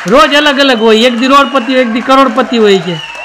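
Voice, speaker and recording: A man's voice: very high voice, fairly quick, a crowd in the background, noisy background. A stand-up comedian from Gujarat, a man, telling jokes and acting out the people in them. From Gujarat, India. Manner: animated storytelling, acts out the people in his jokes.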